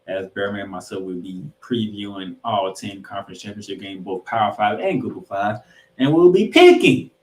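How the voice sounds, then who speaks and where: A man with a lowish, darkish voice co-hosts a sports podcast, bantering through game previews. He makes his points emphatically, poses questions and repeats phrases for effect, and the recording has an echoing, roomy quality.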